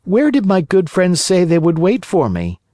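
Man voicing a wooden puppet boy, headstrong, naive, high voice, dry sound. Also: wildly swooping pitch, normal speed, mellow, no room sound. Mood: curious. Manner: insistent, childish.

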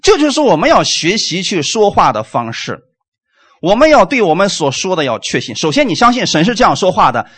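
Animated male preacher, rhetorical questions. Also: on the high side. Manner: punctuates points with "amen". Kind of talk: sermon.

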